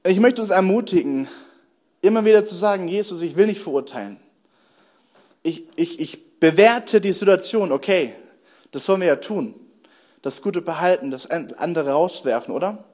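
A young adult man preaching a sermon as pastor, earnest, asking the congregation rhetorical questions and slowing down to stress key words. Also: high-pitched, expressive, a little mellow.

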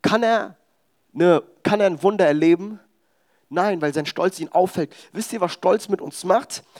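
A man's voice: sits high, normal speed. A young man preaching a sermon, telling stories with quoted dialogue. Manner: animated, storytelling with quoted dialogue.

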